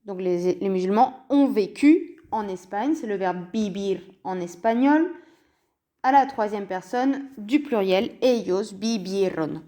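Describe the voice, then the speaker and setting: Slow, careful woman teaching a lesson. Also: mid-range voice, animated, dark tone. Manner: slow, careful, spells out endings and repeats key forms. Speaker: Spanish teacher. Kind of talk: language lesson explained in French.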